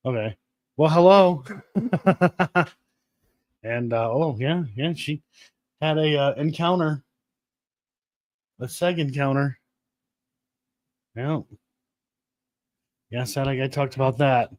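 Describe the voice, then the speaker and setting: A man's voice: on the high side, takes it slowly, pauses often, darkish tone, no echo, clean studio sound. A man co-hosting a live stream, chatting casually in a rambling, joking way with some swearing. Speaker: podcast co-host.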